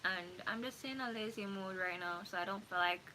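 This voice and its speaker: A woman's voice: mid-range voice, fairly quick, a little hiss or hum, rough recording. A young woman from Jamaica chatting casually and rambling on her first live stream from home, correcting herself as she goes. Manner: rambling, relaxed, self-correcting. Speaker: YouTuber. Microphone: phone. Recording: faint background ambience.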